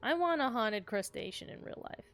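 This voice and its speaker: A woman with a fairly high voice streams a game. She keeps up casual commentary in a chatty, playful way, as if talking to friends. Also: expressive, moderate pace, creaky, a bit bright, a little hiss or hum.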